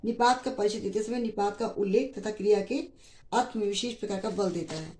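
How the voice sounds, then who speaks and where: A woman's voice: medium pitch, fairly quick, a little mellow, a little hiss or hum. A woman teaching a grammar lesson to school students, explaining patiently and repeating key phrases, with mixed in. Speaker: Hindi teacher.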